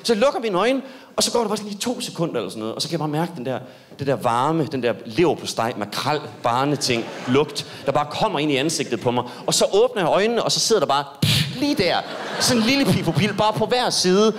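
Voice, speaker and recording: Telling a story during a stand-up routine, a young man keeps his delivery lively on stage, now and then letting out sudden high yelps.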